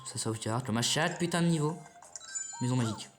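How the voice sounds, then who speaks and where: Brief: male let's player, mid-pitched, loose and chatty, casual swearing, soft game music behind. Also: fairly quick. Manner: chatty and rambling, swears casually, talks to viewers. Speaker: let's play host. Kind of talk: casual gameplay commentary.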